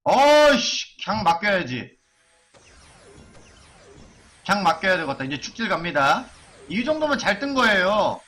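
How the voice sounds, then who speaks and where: A man's voice: high voice, very animated, a little slow, long pauses, bright, forceful tone, faint music behind. A man streaming an online game live, chanting and cursing as he gambles on item upgrades.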